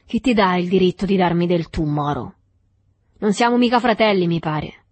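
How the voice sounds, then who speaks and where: A woman reading the lines of a gruff older boatman who speaks with calm, curt scorn in an audiobook. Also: lowish voice, normal speed, no echo. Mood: scornful.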